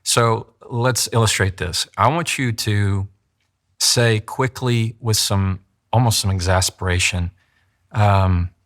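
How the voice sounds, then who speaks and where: Low-voiced male attorney coaching communication. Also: takes it slowly, a bit bright. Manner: acts out quoted voices, demonstrates pacing. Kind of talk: explanatory interview talk.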